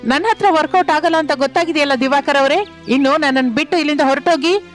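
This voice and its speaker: A woman's voice: high voice, fast, faint music behind, close to an everyday voice. A woman voicing a proud struggling family man. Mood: defiant. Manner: dignified, quietly defiant.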